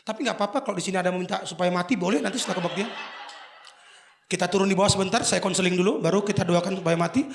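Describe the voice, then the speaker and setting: High-voiced pastor with a gravelly voice. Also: male voice, rapid-fire, a little hiss or hum. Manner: humorous storytelling, shouts prayers. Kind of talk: sermon. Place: church service.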